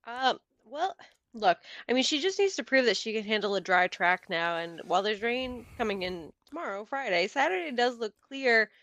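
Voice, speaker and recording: A woman guest on a casual podcast, laying out her picks in a brisk, detailed, analytical way. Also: on the high side, sing-song, fairly bright tone, no room sound. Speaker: podcast guest and horse racing handicapper.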